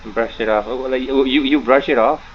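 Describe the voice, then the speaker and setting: With a brisk, mid-range voice, a man narrates a video game playthrough for his YouTube channel, rambling casually and reading on-screen text in a half-mumble. It's a dull, noisy home gaming recording.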